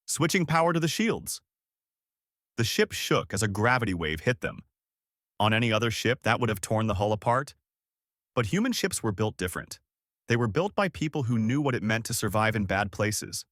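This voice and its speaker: A male narrator reading a sci-fi adventure story aloud, his pitch moving in a lively way. The recording is dry and close, with no room sound. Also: moderate pace, dry recording. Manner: steady, expressive storytelling.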